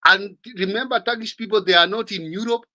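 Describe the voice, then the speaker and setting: A Kenyan man leads a casual panel discussion in a bright, forceful voice. He talks in an animated way and slips between English and Swahili. His pitch sits a little high for a man. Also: fairly quick. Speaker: talk show host.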